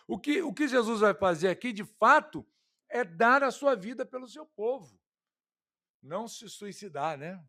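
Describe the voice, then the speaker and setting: Pastor guy, pretty high voice, preaching and asking the church lots of questions. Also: a bit bright. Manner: conversational preaching, asks the congregation rhetorical questions. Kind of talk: expository sermon.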